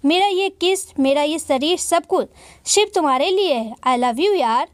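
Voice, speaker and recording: A woman reading as a smooth two-timing young husband. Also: sits high, animated, unhurried, no room sound. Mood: coaxing. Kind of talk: storybook reading.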